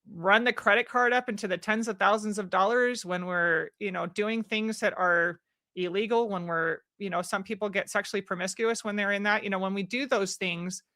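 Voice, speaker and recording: A woman's voice: medium pitch, pushed and bright, no room sound, clean studio sound. A middle-aged woman guest on a podcast, talking earnestly and often restarting her sentences. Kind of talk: podcast conversation.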